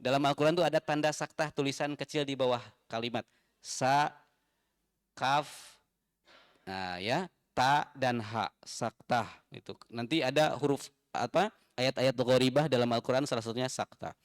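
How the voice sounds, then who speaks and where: A man's voice: mid-range voice, normal speed, clear, resonant tone, dry recording, studio quality. A man teaching Quran recitation in a mosque, patiently repeating and spelling out each sound. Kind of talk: tajwid lesson.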